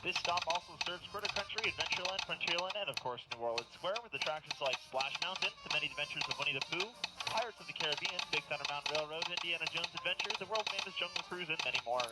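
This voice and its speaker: A man's voice: on the high side, fast talker. A man giving a folksy theme park ride spiel as a train announcer, rattling off his lines over noise.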